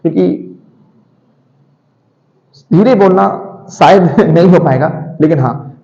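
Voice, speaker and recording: A male teacher explaining a lesson quickly, often correcting himself and repeating his points. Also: fairly high pitch, gravelly, mellow. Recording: echoey room, dull lo-fi sound.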